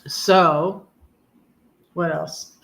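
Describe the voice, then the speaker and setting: A woman in her fifties chatting on a live stream, rambling with many pauses and fillers, sometimes singing a hymn line slowly. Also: sits low, steady tone, gravelly, a bit bright. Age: 50s. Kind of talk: casual live chat.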